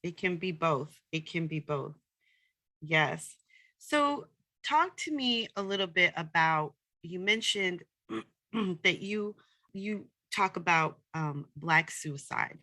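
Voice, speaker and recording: A woman hosting a podcast interview, measured and affirming as she asks questions. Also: lowish voice, lively intonation, bright, forceful tone, dry recording. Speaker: podcast host.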